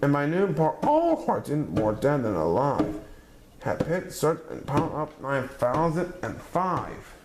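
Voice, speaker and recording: A man reading a rhyming picture book aloud in a measured, rhythmic way, with the odd stumble. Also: on the high side, huge pitch swings. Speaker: storybook reader. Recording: echoey room with background noise.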